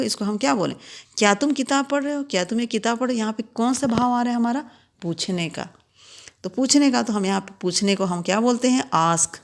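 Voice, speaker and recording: A woman teacher with an Indian accent, explaining English grammar, reading each example sentence slowly before explaining it. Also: mid-range voice. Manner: reads English examples slowly and clearly, then explains in quick Hindi.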